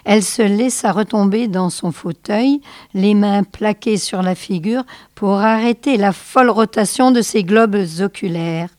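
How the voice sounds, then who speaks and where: A woman reads a short story aloud on her radio show in a slow, measured way, weighing every phrase. Her voice sits in a middle register and sounds close and dry. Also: mid-range voice, darkish tone, dry recording. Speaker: radio host reading a story.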